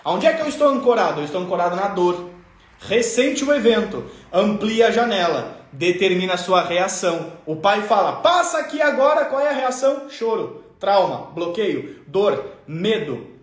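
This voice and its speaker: High-voiced southern Brazilian speaker. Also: male voice, lively intonation, normal speed. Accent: southern Brazilian, Rio Grande do Sul. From Rio Grande do Sul, Brazil. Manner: emphatic, playful, acts out examples. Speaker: motivational speaker. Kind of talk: animated motivational talk. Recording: echoey room.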